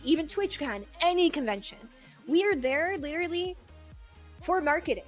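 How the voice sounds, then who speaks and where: A young woman with a fairly high voice talks casually and frankly, cussing and laughing between points. Faint music plays behind her. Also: expressive, moderate pace. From United States. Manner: candid, swears freely, laughs often. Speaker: podcast host. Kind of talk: casual streamer chat.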